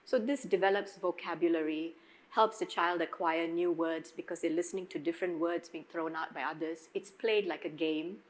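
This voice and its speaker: A woman with a fairly low voice talks as a panelist. She explains things reflectively, in measured lists and with emphatic phrasing. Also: steady tone, rough recording. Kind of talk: panel discussion.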